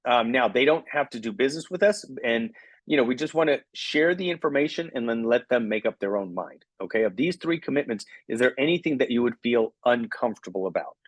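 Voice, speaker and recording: A middle-aged man giving an energetic coaching talk on recruiting, often checking in with "okay?". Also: mid-range voice, fairly quick, no room sound. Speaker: recruiting trainer. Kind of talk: motivational training talk.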